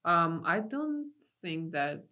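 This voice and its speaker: Russian accent, native Russian speaker, middling pitch, casual chat, halting English, searching for words. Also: very animated, sharp tone. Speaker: guest, professional athlete. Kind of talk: casual conversation.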